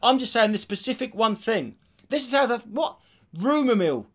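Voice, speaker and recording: A man's voice: extremely high pitch, lively intonation, normal speed. A British man co-hosting a casual comic podcast, ranting bluntly and swearing freely. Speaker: podcast host.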